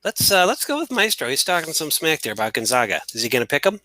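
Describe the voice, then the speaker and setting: A man's voice: a little high, very animated, fast talker, pushed and bright, dry recording. A man hosting a casual sports talk show, joking and rambling with frequent restarts. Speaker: podcast host.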